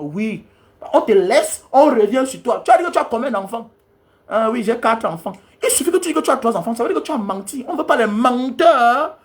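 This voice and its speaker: Guy ranting at his viewers, high voice, mad and scolding, keeps hammering the same point over and over. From Cameroon. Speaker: travel vlogger.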